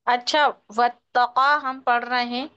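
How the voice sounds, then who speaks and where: A woman's voice: on the high side, level tone, takes it slowly, a bit bright, clean tone, dull audio. A woman teaching Quran recitation in an online class, patiently correcting her students step by step.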